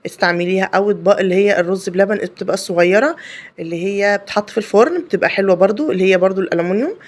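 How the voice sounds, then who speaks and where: Woman, Egyptian Arabic accent, home cooking host, fast talker, chatty, explains step by step. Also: mid-range voice, darkish tone. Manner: chatty and explanatory, many fillers and restarts. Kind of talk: casual cooking tutorial voice-over.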